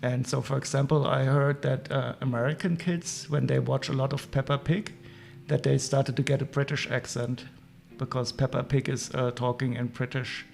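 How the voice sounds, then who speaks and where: A man's voice: medium pitch, little pitch movement, moderate pace, vocal fry, a little mellow. A man with a German accent, chatting casually with viewers as a livestream host while sorting toy parts. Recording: faint music behind.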